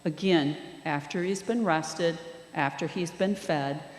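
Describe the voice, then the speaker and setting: Slow, measured woman preaching in a hall. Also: low voice. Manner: slow, measured delivery with dramatic pauses. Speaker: lay preacher and youth worker. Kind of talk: sermon. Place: church sanctuary. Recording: echoey church hall.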